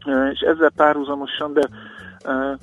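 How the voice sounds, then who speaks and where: A man's voice: on the high side, flat delivery. A man giving market commentary on the radio in a hesitant, explanatory way, with many filler sounds. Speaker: financial analyst guest. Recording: phone-like radio line with faint music.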